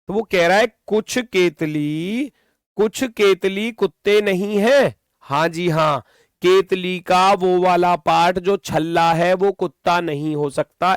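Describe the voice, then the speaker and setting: In a high, smooth, resonant voice, a man leads an online reasoning class, explaining each step over and over and occasionally scolding his students. The recording is dry and close, with no echo.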